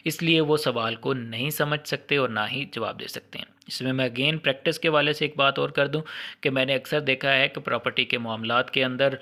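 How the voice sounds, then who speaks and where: A man with a Pakistani accent gives an informal explanatory law lecture in a medium-pitched, bright, forceful voice. His style is didactic, repeating key points and mixing in English terms.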